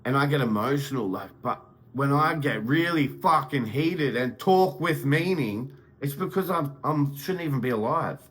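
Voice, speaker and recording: A man's voice: medium pitch, normal speed, a bit bright, poor audio. A young man giving an unscripted motivational monologue, swearing freely and turning heated and emphatic as he speaks. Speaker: motivational vlogger.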